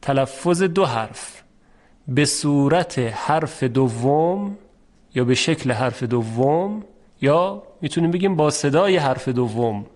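A man teaching a lesson on recitation rules, patiently explaining step by step and repeating each example slowly. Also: fairly high pitch, animated, a little mellow. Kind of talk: formal spoken lesson.

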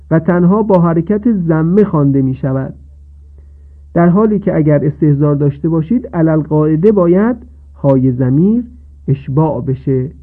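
Male recitation teacher, slightly high voice, explains step by step, chants the examples, thin phone-like radio sound. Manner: explains slowly, then chants the Quranic examples in a drawn-out recitation. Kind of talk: recorded radio lesson.

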